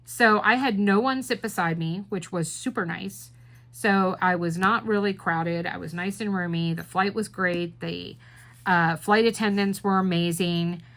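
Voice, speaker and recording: A woman hosting a crafting chat channel, telling a story straight to her viewers in an expressive, chatty way. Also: fairly low pitch, unhurried. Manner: chatty and expressive, with swings in volume; speaks right to viewers.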